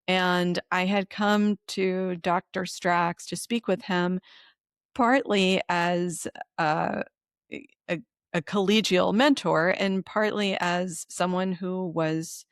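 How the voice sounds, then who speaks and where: Slow, gentle woman podcast host. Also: fairly low pitch, no room sound, studio quality. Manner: gentle, reflective, unhurried. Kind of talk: solo podcast monologue.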